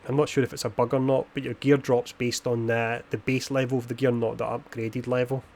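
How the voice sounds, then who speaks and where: A man's voice: medium pitch, little pitch movement, fairly quick, darkish tone. A man streaming a video game, casually explaining its gear system between chatter with players, in a self-described posh voice. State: had a beer. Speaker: gaming streamer. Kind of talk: casual live-stream commentary.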